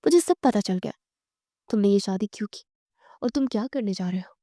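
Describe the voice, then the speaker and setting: A woman's voice: medium pitch, animated, warm tone, no room sound, clean studio sound, close to an everyday voice. A woman voicing a young wife who is hurt, angry and defiant, in a raised, pleading tone. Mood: hurt, accusing.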